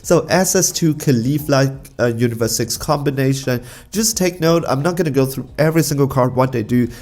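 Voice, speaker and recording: A man's voice: medium pitch, fairly quick, darkish tone. A man hosting a card game channel, talking casually with a nasal, stuffy voice from a cold that strains as he goes. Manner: chatty, restarts and stammers. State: strained voice from coughing.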